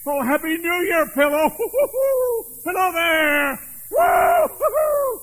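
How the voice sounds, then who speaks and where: A man's voice: high voice, expressive, slow, slightly rough, heavily acted, rough recording. A man playing an old miser who pleads with a spirit and then bursts with giddy joy at being changed. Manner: pleading, then overjoyed and breathless with laughter.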